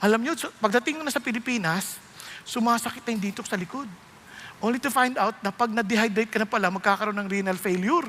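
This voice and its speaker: A man with a Filipino accent preaching a sermon as a pastor, telling stories in an animated, humorous way. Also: high-pitched, fast talker, a little hiss or hum.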